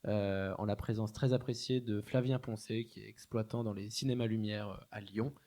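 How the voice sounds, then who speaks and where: Man, gravelly low voice, mellow tone, casual event announcements. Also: fairly even intonation, fairly quick. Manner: casual, slightly self-mocking. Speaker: cinema programmer.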